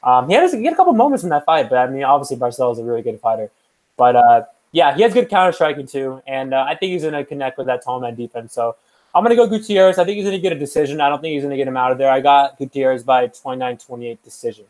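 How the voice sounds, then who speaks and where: A man's voice: mid-range voice, expressive, quick pace, darkish tone, low-quality recording. A young man co-hosting a podcast, talking through fight picks in a loose, rambling way with lots of fillers and restarts. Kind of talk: casual chat.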